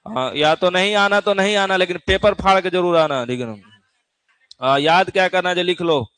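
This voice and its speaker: A man's voice: high voice, normal speed, fairly bright tone, smooth, no room sound. A male physics teacher, lecturing a class in a chatty way, teasing students and often checking that they follow. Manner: keeps asking the class "theek hai na?".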